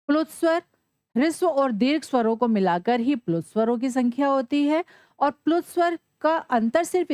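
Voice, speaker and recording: Lively woman teaching Sanskrit letters. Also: high voice, no echo, clean studio sound. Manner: asks questions and answers them herself; spells out letters slowly. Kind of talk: classroom lesson.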